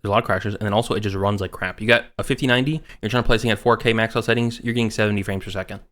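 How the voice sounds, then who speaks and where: A man's voice: lowish voice, steady tone, a bit bright. A man co-hosting a gaming podcast in casual chat, joking and mocking others with quoted voices. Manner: quick, joking, mocks others with put-on quotes. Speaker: podcast co-host.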